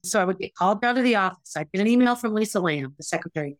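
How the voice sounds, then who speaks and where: A woman's voice: mid-range voice, lively intonation, rapid-fire, no room sound. Middle-aged woman, candid and emotional, solo storytelling host, dry close sound. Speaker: podcast host, former teacher. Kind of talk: personal storytelling monologue.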